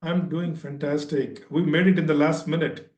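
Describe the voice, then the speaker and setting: A man hosts an online webinar and greets each attendee by name in an upbeat way. His voice sits a little high and sounds roomy and distant. The call audio is dull and muffled. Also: fairly even intonation, moderate pace, darkish tone. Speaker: webinar host. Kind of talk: casual online webinar hosting. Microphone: video call.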